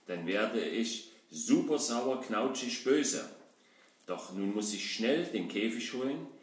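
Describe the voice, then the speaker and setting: A man's voice: fairly low pitch, animated, slow. A man voicing a sly, greedy robber who talks to children in a conspiratorial, mock-threatening way, in a children's audio puppet play. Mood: sly gleeful. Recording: echoey room from a distance.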